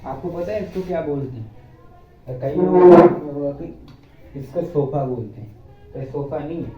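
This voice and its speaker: Here a young man from India, his voice slightly high and dark-toned, talks at a measured pace while cleaning rooms in his village house. He's chatty and jokey, rambling to viewers he addresses as "brothers," a bit short of breath. The casual vlog comes from a phone camera with no external mic, giving dull lo-fi audio with room echo.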